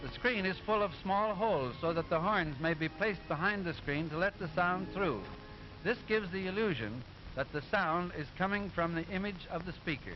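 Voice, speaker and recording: A man playing an instructive professor in an early talkie cartoon, explaining things in a deliberate, didactic manner. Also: high voice, close to an everyday voice. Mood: patient, instructive. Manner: deliberate, didactic, clearly enunciated. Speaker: narrator explaining sound film. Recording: dull 1920s optical film soundtrack, music behind.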